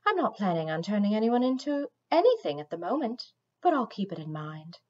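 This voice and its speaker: Morwen: a calm, wry witch, read by a woman, lively pitch, storybook voice, dull lo-fi sound. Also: fairly quick, lightly acted.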